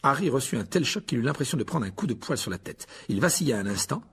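A man reading a children's fantasy novel aloud as audiobook narration, in an expressive storytelling manner. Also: mid-range voice, quick pace, slight background noise. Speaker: audiobook reader. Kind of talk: scripted narration.

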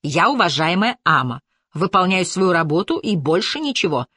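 A woman's voice: on the low side, big pitch swings, sharp tone, husky, dry recording, clean studio sound, full character voice. A woman narrator voicing a frightened, humble old servant woman who pleads her innocence. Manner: anxious pleading, hurried protest.

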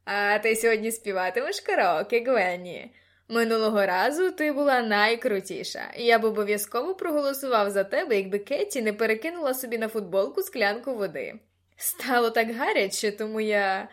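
Woman voicing a teenage boy, loud, crude jokes, shouting, boisterous, audiobook. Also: a little high, animated, brisk, lightly acted.

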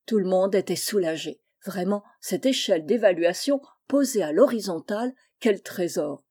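A woman reading a children's Christmas tale aloud in a gentle, measured way. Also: medium pitch, lively intonation, slightly rough. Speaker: storyteller.

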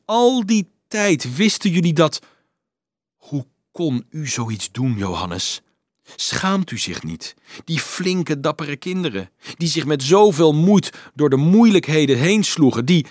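A man's voice: on the high side, no echo, clean studio sound, voice pushed up. A man reading an indignant, brave teenage boy who accuses and questions sharply, in a raised voice. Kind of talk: audiobook character voice.

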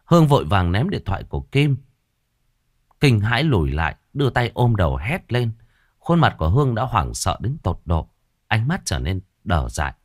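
A man with a low voice narrates a ghost story in a dramatic, expressive way. His pitch rises and falls a lot, and the recording is dry and close, with faint music underneath. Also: moderate pace, no room sound.

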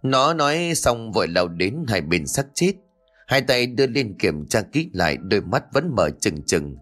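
A man's voice: fairly low pitch, sing-song, unhurried, a bit bright. A man narrating a horror story in a dramatic, tense read. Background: faint music.

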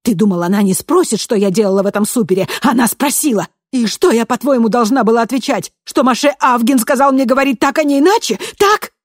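Reader doing a hushed unsure woman, gravelly edge, dry close sound. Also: unhurried, no echo, heavily acted. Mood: shrieking angry. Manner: quiet and unsure, then shrill shouting. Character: timid young woman drug user, quiet then furious. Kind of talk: audiobook character voice.

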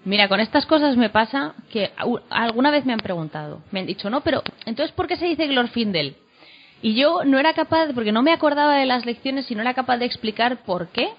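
A woman's voice: fairly high pitch, lively intonation, quick pace, few pauses, faint music behind. A woman co-hosting a casual chat, mostly giving short encouraging replies. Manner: encouraging listener, short affirmations. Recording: dull lo-fi podcast recording.

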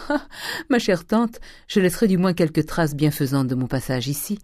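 A man's voice: a little high, animated, moderate pace, darkish tone, dry recording, clean studio sound, lightly acted. A man doing an airy, patronizing young dandy. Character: elegant, condescending young Parisian man.

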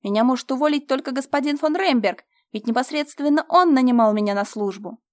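A woman voicing a blustering, thieving middle-aged male estate manager who shouts in loud indignation, in an audiobook. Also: sits high, fairly quick, dry recording, studio quality, close to an everyday voice. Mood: furious.

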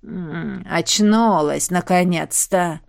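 Woman voicing a gravelly, gloating mad queen. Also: fairly low pitch, dry recording, clean studio sound, pitched below the performer's own voice. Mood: mocking. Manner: taunting, slow and relishing her words. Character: mad, gloating villainous queen, cruel and proud. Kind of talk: audiobook character voice.

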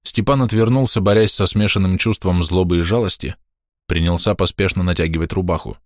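Deep-voiced man reading an audiobook. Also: steady tone, fairly quick, dry recording, clean studio sound. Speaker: audiobook narrator. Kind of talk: scripted narration.

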